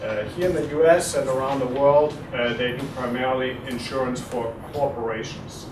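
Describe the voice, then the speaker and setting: A middle-aged guest lecturer with a German accent gives a university talk with audience questions, speaking at a medium pitch and moderate pace. He is relaxed and chatty but hesitant, full of fillers, and quizzes the audience. The recording is distant, echoey and noisy.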